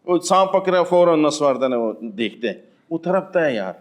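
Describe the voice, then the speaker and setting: A man giving a spoken religious lesson to an audience. He poses questions and answers them himself with everyday examples, swinging between raised emphatic lines and low, quiet asides. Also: sing-song. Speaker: Islamic teacher giving Quran commentary.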